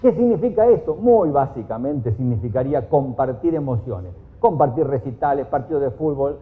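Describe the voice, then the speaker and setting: Argentine man, conference speaker, lively pitch, long hall echo, tinny phone-like sound. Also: normal speed. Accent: Argentine Spanish. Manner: animated, jumps to shouts when quoting people. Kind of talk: lively lecture with acted quotes.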